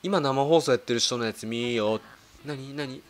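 A man's voice: medium pitch, normal speed. A man making casual reaction commentary as he browses videos, thinking aloud with lots of fillers and questions to himself. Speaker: video creator.

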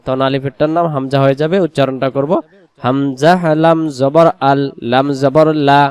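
A man teaching correct pronunciation word by word, drawing out slow syllables and repeating each word. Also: mid-range voice, steady tone, a little mellow, clean tone, no echo. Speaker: Quran recitation teacher.

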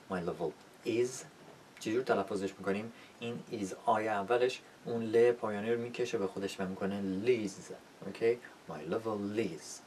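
A man whose first language is Persian, teaching English pronunciation in a spoken lesson and repeating words slowly to demonstrate sounds. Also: darkish tone. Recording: distant mic with faint rumble.

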